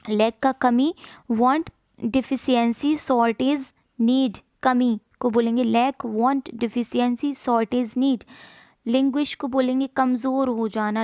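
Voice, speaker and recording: A woman teacher slowly reads out lists of synonyms. She says each list twice and spells hard words letter by letter. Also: a little high, a little mellow, dry recording, rough recording. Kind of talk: slow vocabulary drill, reading synonym lists.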